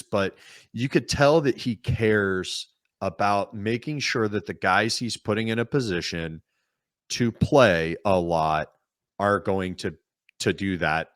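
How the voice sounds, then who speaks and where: A man talks hockey on a podcast in an easy, conversational way, laying out his points at length. His voice sits a little low. The sound is close and dry, with no room around it. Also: no echo. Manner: calm, talkative, explains at length. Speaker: podcast co-host. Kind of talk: casual sports chat.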